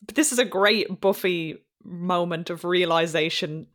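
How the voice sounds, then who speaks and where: A woman's voice: fairly low pitch, a little slow, fairly bright tone. A woman co-hosting a podcast, making wry remarks and laughing often in casual chat. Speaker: podcast co-host. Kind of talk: casual chat recapping a TV episode.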